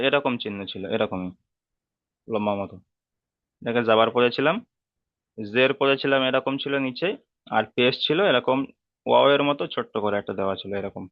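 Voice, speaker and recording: A Bengali-accented man of medium pitch walks through a reading lesson one careful step at a time. He repeats each term patiently and elongates every sound, captured in lo-fi audio with no room sound.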